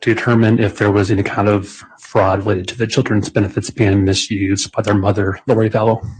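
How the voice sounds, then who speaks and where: Husky-voiced male witness, courtroom recording. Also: fairly low pitch, little pitch movement, a little fast, darkish tone, rough recording. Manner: brief, matter-of-fact answers. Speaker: witness, federal special agent. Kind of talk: courtroom testimony.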